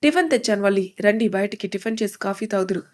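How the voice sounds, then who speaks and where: A woman's voice: medium pitch, lively intonation, quick pace, close to an everyday voice. A woman voicing a kind young man who coaxes politely. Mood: coaxing. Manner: polite, coaxing. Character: gentle, caring young man.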